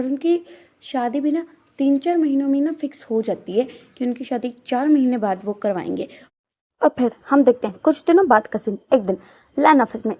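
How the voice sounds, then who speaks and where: A woman's voice: high voice, mellow, no room sound. A woman narrating a fan-fiction story in a chatty, casual way full of fillers. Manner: chatty, loose filler-heavy retelling. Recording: dull lo-fi dry recording.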